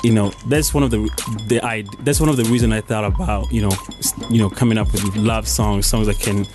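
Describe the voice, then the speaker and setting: A man's voice: fairly low pitch, steady tone, a little fast, music in the background. A young man from Uganda, a musician being interviewed on radio, talking hesitantly with many fillers and restarts. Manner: hesitant, full of "you know" and restarts. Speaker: musician guest. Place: radio studio.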